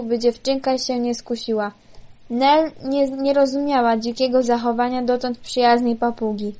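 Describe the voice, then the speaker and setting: A woman with a fairly high voice reads a children's fairy tale aloud. She takes her time, now and then tripping over a word and starting it again. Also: darkish tone. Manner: unhurried, with small stumbles and self-corrections. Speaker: storyteller.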